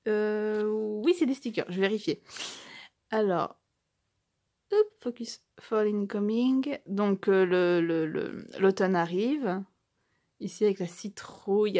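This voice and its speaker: Her voice is mid-pitched with a dark tone as this YouTuber chats her way through unboxing a tarot deck. Each small piece gets effusive praise, delivered hesitantly with constant fillers and false starts. English phrases trip her up, and she slows down for them.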